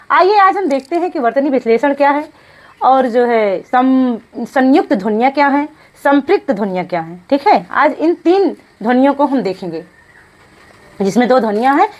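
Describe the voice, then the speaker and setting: Female grammar teacher: high-pitched, very animated, works through the lesson in self-answered questions. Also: distant mic. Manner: asks questions and answers them herself; repeats key terms, checks in with "ठीक है". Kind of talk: classroom lesson.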